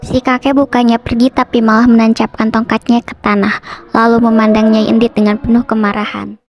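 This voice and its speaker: Woman reading a folk tale, steady, kinda high, pretty flat tone. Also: a little fast, dull audio. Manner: steady storytelling. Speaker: narrator. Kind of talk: reading a folk legend aloud.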